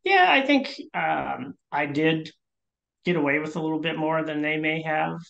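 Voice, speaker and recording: Gravelly middle-aged man remembering his childhood. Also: a little high, normal speed, muffled recording. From Minnesota. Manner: relaxed, reflective, many "um"s. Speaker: leadership coach, guest. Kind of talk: casual interview. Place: home office. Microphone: video call.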